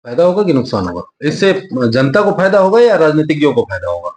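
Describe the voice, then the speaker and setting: A man's voice: on the high side, very animated, quick pace, darkish tone. A man interviewing a lawyer, asking hesitant questions with many fillers. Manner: hesitant questions with fillers, frequent hums of assent.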